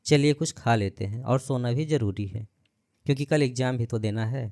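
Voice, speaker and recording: A man's voice: medium pitch, normal speed, creaky, darkish tone, no room sound, natural voice. Guy reading a cheery young sister-in-law, coaxing and light, kinda dry close sound.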